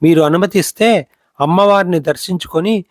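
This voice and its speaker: A man's voice: high-pitched, moderate pace, no echo, studio quality, natural voice. A man voicing a humble village woman. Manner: humble, polite.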